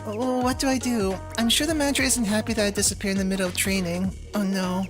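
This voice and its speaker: A woman plays a shy young game-developer girl, anxious and easily flustered. She speaks hesitantly at a medium pitch and stammers, with game music clearly audible behind her. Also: steady tone, quick pace, lightly acted. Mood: flustered, distressed.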